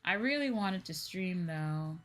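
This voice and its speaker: Over background music, a female VTuber livestreamer talks casually with her audience at a measured pace, her somewhat low voice full of expression.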